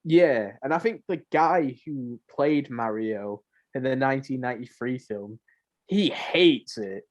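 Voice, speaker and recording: With an animated, medium-pitched voice at a measured pace, this co-host shares his own takes in a loose, informal podcast conversation about movies and games.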